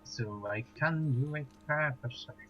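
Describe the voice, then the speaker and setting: A man's voice: fairly high pitch, normal speed. Dull-sounding man chatting over lo-fi audio. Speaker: tabletop game player. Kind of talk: casual chat.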